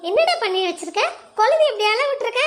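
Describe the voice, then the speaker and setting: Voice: very high voice, big pitch swings, fast, a bit bright, full character voice. A performer voicing a cartoon mother who scolds her quarreling children. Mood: scolding. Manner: scolding, nagging. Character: scolding cartoon mother, stern but fond.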